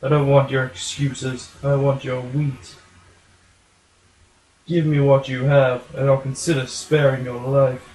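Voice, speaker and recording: A demanding, curt medieval lord played by a man in an amateur sock puppet show, bullying and threatening. The recording has a clear room echo. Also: mid-range voice, flat delivery, unhurried, darkish tone, close to an everyday voice. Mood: menacing, demanding. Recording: echoey room.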